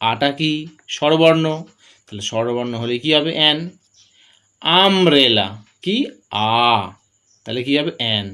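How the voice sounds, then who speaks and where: A man's voice: high voice, fairly bright tone. A man teaching grammar, who asks questions and answers them himself while drilling through examples. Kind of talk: classroom-style explanation.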